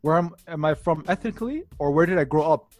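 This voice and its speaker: A man from Canada talks fast and animatedly in a casual group conversation, his voice pitched a little above average. He keeps checking in with his listeners as he tells his stories. Faint music sits underneath. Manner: fast, animated storytelling with frequent "you know what I mean".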